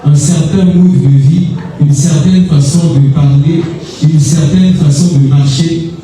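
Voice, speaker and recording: A young man preaching at a youth seminar, asking the crowd questions and calling for amens, sometimes rising to a shout. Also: a little high, fairly even intonation, slow pace, faint music behind. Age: young adult. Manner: rises to shouts at times. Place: large echoey hall. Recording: echoey hall, voice from far off.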